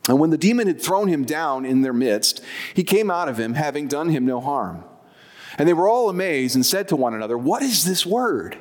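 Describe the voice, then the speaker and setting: Male preacher, easygoing explanatory delivery, somewhat high pitch, echo of a long hall. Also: lively intonation, fairly quick, darkish tone. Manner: conversational, explanatory preaching with asides. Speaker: pastor. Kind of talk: sermon.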